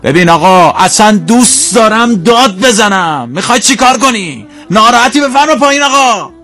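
A man voicing a rude, hot-tempered male taxi driver who yells and threatens in a raised, high-pushed voice. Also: animated, faint music behind. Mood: angry shouting. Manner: aggressive, yelling, threatening.

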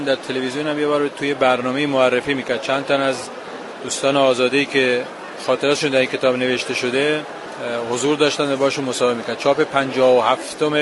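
A man reading aloud from a memoir for a radio audience in a plain, even way. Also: medium pitch, noisy background. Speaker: listener reading a book aloud.

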